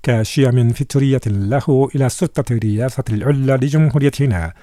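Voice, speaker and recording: A man reading scripted news in a slow, measured, solemn delivery. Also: medium pitch, mellow, no room sound, clean studio sound. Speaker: news reader.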